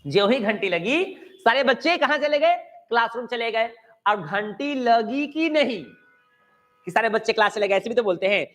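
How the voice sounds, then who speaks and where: A man's voice: very high voice, animated, moderate pace, fairly bright tone. Man teaching grammar, coaxing and repetitive. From India. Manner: encouraging, repeats key words and has the class repeat them. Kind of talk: classroom grammar lecture mixing Hindi and English.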